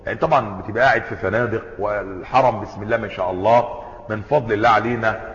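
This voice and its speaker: A man's voice: lowish voice, fairly even intonation, rapid-fire. A man with an Egyptian Arabic accent giving a religious lesson, moving between formal recitation and colloquial explanation, and putting rhetorical questions to his listeners. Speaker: sheikh teaching a creed commentary. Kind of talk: lecture-style religious lesson. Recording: echoey hall, dull lo-fi sound.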